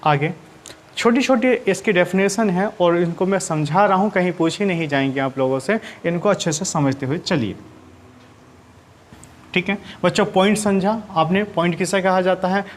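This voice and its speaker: A man's voice: high voice, moderate pace, slight background noise. A man teaching maths to schoolchildren in Hindi-accented speech, who asks questions, answers them himself and keeps repeating his points. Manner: often calls students "children". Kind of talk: classroom lesson to children.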